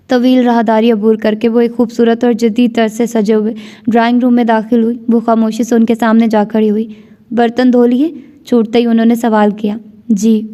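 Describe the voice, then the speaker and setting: Soft-voiced woman reading a novel aloud. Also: a little high. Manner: reads every character's lines in her own voice. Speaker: novel reader. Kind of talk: scripted narration of a novel.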